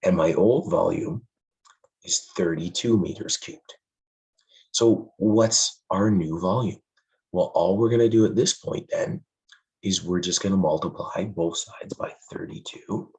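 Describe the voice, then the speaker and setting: Low-voiced math teacher losing his voice. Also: unhurried, darkish tone, low-quality recording. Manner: friendly, calls students "friends", stresses key points. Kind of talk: classroom math lesson.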